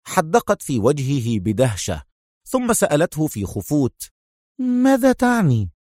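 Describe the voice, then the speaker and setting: A man narrating an audiobook with an expressive storytelling delivery. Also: medium pitch, moderate pace, breathy edge, dry recording. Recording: dry close-miked voice.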